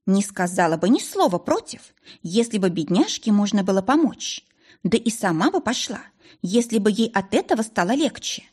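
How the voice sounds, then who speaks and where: Woman doing grumpy stern old maid, blunt, bit husky. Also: medium pitch, sing-song, normal speed, a little mellow. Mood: disapproving. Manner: grumbling, blunt. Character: stern grumbling older female maid.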